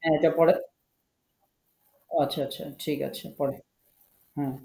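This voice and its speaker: In a live online Quran recitation class, a male teacher calls on students one at a time, patiently correcting and drilling their pronunciation, coaxing them along, repeating drills and offering tech help. His voice is a little high and dark-toned, level and moderately paced. The low-quality recording has an echoey room sound.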